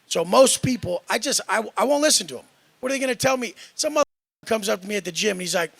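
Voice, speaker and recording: A man with a high, very gravelly voice and a bright, tense edge talks in a brash, cocky rant. He curses constantly and dismisses everyone around him. The sound is dry and close. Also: animated, fast talker, no echo. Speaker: fitness influencer in a clip.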